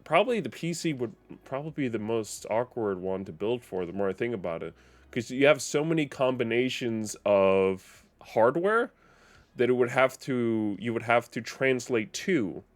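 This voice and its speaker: A man's voice: medium pitch, lively intonation, normal speed. A man live-streaming a video game, chatting casually in a rambling, self-correcting way.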